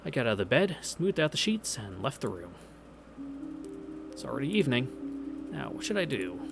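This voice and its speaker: A man with a mid-range voice, big pitch swings, and vocal fry does a laid-back let's play of a visual novel at a moderate pace. He reads through casually, adding wry asides, reactions, and anecdotes over video game music.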